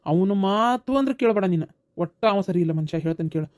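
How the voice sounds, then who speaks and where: A man's voice: sits high, animated, rapid-fire, no room sound, clean studio sound. A man playing a kindly village elder brother. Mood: advising. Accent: North Karnataka Kannada. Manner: puzzled questioning, then warmly reassuring.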